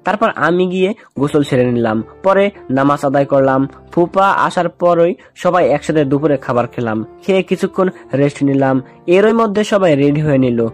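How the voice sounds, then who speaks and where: A man's voice: a little high, expressive, moderate pace. Chatty male storyteller over music. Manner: chatty, addresses listeners. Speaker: story narrator. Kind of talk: first-person romantic story narration. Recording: music bed underneath.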